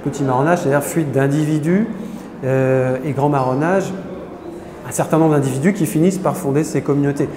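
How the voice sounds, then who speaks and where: A man's voice: a little high, a little fast. A man explaining history at an exhibition, hesitant, with many filler sounds and restarts. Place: indoor exhibition gallery. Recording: echoey hall with crowd behind.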